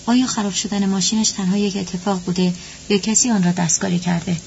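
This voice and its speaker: Woman reading an audiobook, gravelly voice, muffled lo-fi sound with a low hum. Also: fairly even intonation, darkish tone. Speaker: audiobook narrator. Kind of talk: storybook narration. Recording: dull lo-fi with faint hum.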